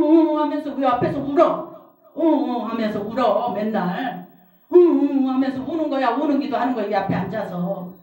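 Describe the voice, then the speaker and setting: A woman's voice: a little high, a little mellow. A middle-aged woman, a pastor's wife, preaching a sermon and telling a personal testimony, repeating phrases for emphasis. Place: prayer house service hall. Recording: roomy hall, distant mic.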